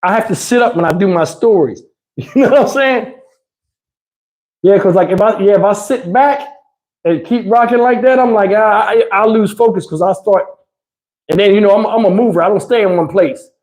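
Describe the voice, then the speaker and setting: The recording is low quality: a man with a high-pitched, darkish voice speaks at a normal pace to his livestream viewers. He rambles casually, using loose slang and swearing often.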